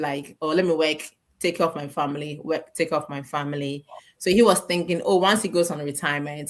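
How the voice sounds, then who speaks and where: A woman from Ghana hosts a casual live stream over a video call. Her voice sits low, and she rambles warmly, with feeling. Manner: warm, emotional, rambling with laughs.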